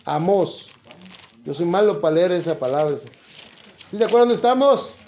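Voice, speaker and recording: A man's voice: high-pitched, lively intonation, moderate pace, warm tone, a little hiss or hum. A man with a Mexican accent preaching informally from the Bible, chatty and joking, asking his listeners questions. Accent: Mexican Spanish. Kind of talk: informal Bible teaching to a congregation. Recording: echoey room, slightly dull sound.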